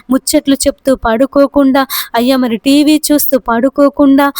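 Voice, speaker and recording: A woman's voice: fairly high pitch, a little mellow, no echo. A woman leading an extempore night prayer, pleading in a repetitive devotional cadence into a close mic. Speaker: prayer leader.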